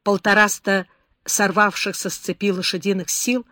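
A woman narrates a novel at a steady, measured pace. Her pitch sits in a middle register. The recording is dry and close, with no room sound. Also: no room sound. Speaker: audiobook narrator. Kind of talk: scripted audiobook narration.

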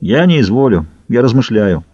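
A man's voice: mid-range voice, very animated, normal speed, mellow, husky, no echo. A man voicing an irritated male baron who barks curt threats down the phone. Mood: gruff. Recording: slightly dull dry recording.

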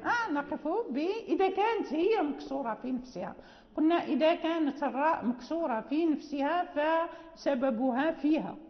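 A woman teaching the rules of Quran recitation in an explanatory lesson. She often checks in with her listeners with a quick "hm?" and goes over each point slowly, one step at a time. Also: sits high, expressive. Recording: dull, echoey hall recording.

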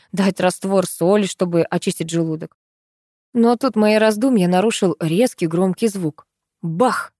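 A woman narrating a comic first-person audiobook in a lively, dramatic manner. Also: on the low side, no echo, clean studio sound.

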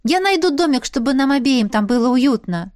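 A bubbly, pampered young woman friend, as a woman reader puts her on. She speaks high and bright, bursting into emphatic exclamations. The read is close and dry, with no room sound. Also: animated, brisk, dry recording. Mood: eager.

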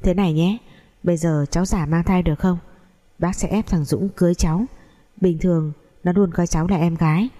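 A woman's voice: on the low side, steady tone, fairly quick, warm tone, lightly acted. A woman voicing a scheming middle-aged mother who persuades a girl in a commanding tone.

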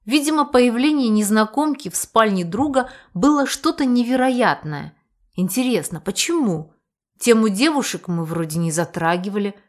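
A woman narrating a first-person audiobook in a lively, wry, conversational way. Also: fairly high pitch, moderate pace.

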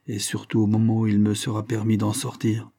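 A man's voice: fairly low pitch, completely flat delivery, brisk, dark tone, no echo, studio quality. A man voicing a bitter, remorseful young nobleman recovering from illness in a storybook reading. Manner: bitter, brooding.

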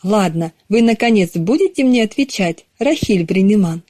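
A woman's voice: a little high, lively intonation, a little slow, mellow, no echo, clean studio sound. A woman reading the lines of a playful male suitor in a hammed-up Irish accent, within an audiobook. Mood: demanding. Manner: exaggerated Irish accent, teasing.

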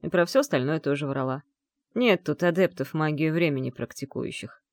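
A woman's voice: deep voice, normal speed, no room sound. A woman voicing a cocky, teasing young male dragon in an audiobook, with a mocking, playful manner. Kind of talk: audiobook character voice.

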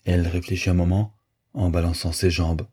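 A man narrating a novel as an audiobook, in a steady, measured storytelling manner. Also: low voice, slightly rough.

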